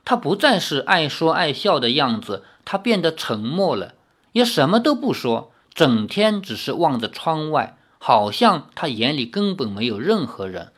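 A storyteller reading a novel aloud, expressive, dropping low and soft on the sad passages. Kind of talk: read-aloud novel narration.

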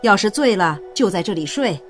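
A man's voice: sits high, expressive, brisk, fairly bright tone, pitched above the performer's own voice. A kindly, doting older aunt, voiced by a man in a children's story reading. Her voice is raised and lilting, and she speaks in a soothing way. Faint music plays underneath.

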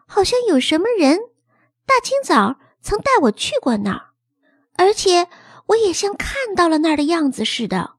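A woman with a high, very lively voice reads a children's story aloud and tells it expressively, as a child would. The sound is close and dry. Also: no room sound. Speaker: narrator. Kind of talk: storybook reading.

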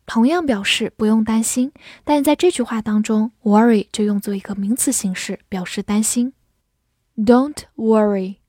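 A woman teaching English words in a vocabulary lesson, explaining clearly and reading example sentences slowly. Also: a little high, darkish tone, no echo, studio quality. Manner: clear, measured explanation with slow read-alongs.

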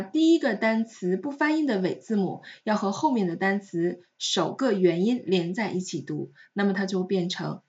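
A woman in a recorded language lesson teaches French pronunciation with patient, step-by-step explanations. Her voice sits at a middle pitch, and she slows down to repeat example words clearly. The recording sounds a little dull and lo-fi. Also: darkish tone.

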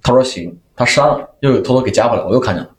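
Animated storytelling man. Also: medium pitch, rapid-fire, reverberant. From Henan, China. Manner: animated storytelling, laughing through punchlines. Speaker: comedian. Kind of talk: storytelling in casual podcast chat.

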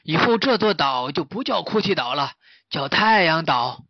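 A fretful, exclaiming martial arts master, as a man reading a storybook puts him on. The voice sits high and lively, a little set back, with a dry, dull sound. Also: moderate pace, no room sound.

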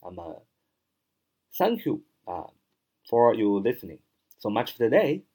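Lively man teaching vocabulary. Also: on the low side, slightly rough. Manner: spells words letter by letter and repeats example sentences slowly; ends phrases with the filler "啊". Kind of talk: spoken vocabulary lesson.

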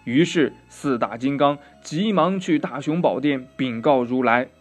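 A man narrating a children's story in a slow, expressive telling style. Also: mid-range voice, soft background music. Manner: slow, expressive, drawn-out "呀" endings.

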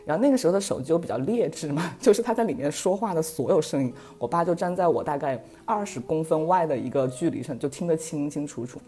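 A woman in her thirties chatting casually on a podcast, telling a story in a lively way and laughing often. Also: low voice, quick pace, hardly any pauses. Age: 30s. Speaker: podcast guest.

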